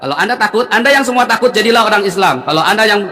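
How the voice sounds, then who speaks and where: A man's voice: high voice, animated, racing, in a large hall. A man in his late forties preaching on a live stream, arguing heatedly and hurling insults at a caller. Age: 40s. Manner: shouting, insulting, domineering.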